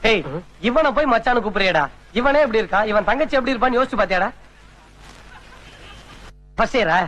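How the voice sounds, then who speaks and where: An actor playing a mocking young male senior student who talks in a brisk, scoffing way in 1990s film comedy dialogue. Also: extremely high pitch, lively intonation, a bit bright, poor audio.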